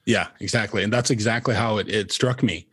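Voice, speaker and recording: A man's voice: fairly low pitch, fairly quick, a bit bright, breathy edge. A young man from Norway, co-hosting a podcast in casual, earnest chat. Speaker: podcast co-host.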